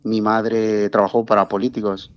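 A man's voice: lowish voice, little pitch movement, moderate pace, no room sound. A middle-aged man from Mexico, a festival organizer, chatting in an interview, joking and effusive with frequent tag questions. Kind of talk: casual interview chat.

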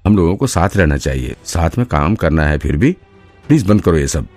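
A man voicing an anxious male officer in an audiobook, pleading to calm a quarrel. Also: low-pitched, brisk, no echo, soft background music. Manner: pleading, calming.

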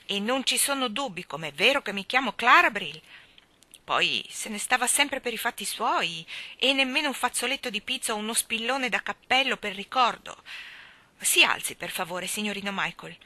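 Fussy chattering old housekeeper , read by a woman, rambling and scolding, bright and loud. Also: fairly high pitch, animated, normal speed, no room sound.

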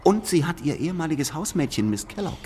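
An actor playing Sherlock Holmes in a German radio play, a smug, coolly merciless detective who lectures and needles in a deliberate, superior way. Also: male voice, a little high, very animated, darkish tone, a little hiss or hum. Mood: coolly accusing.

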